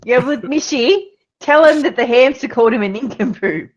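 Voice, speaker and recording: A woman's voice: fairly high pitch, animated, moderate pace, lo-fi sound. A young woman playing a tabletop game online, giggly and teasing in her banter. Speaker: player.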